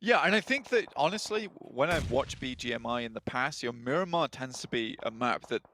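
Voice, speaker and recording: A man calls a live esports match, running through the action in a middle-pitched voice. He keeps the play-by-play flowing and trades easy banter with his co-caster. Faint gunfire from the game sits low in the background. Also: animated, sharp tone, slight background noise. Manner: quick, chatty banter with laughs.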